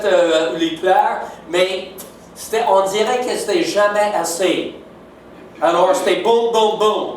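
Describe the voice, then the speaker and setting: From the sanctuary of a church, heard distantly with plenty of echo and a faint hiss or hum, a guest preacher gives his sermon in French. He is older, speaks English natively with an English Canadian accent, and has a voice that sits high. He keeps it warm and forceful, checking in again and again with "n'est-ce pas?"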